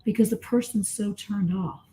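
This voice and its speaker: Woman, coach, casual discussion, earnest, emphatic, mid pitch. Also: normal speed, dark tone. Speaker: coach and guest.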